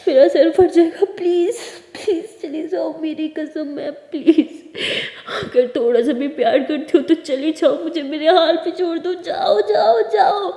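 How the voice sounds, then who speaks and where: Heartbroken young woman, tearful, high and echoey, voiced by a woman narrator. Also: measured pace. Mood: sobbing, pleading. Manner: tearful, pleading, shouting. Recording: echoey room with long reverb.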